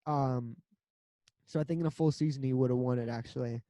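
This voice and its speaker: A man's voice: mid-range voice, fairly even intonation, fairly quick, dark tone, no room sound. A man co-hosting a casual sports podcast, rambling and joking as he chats. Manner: rambling, joking, laughs often. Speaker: podcast co-host.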